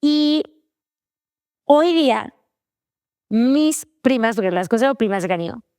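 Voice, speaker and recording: A woman's voice: fairly high pitch, animated, unhurried, a little mellow, no echo, studio quality. A woman co-hosting a faith-based parenting podcast, chatting casually and telling family stories. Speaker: podcast co-host.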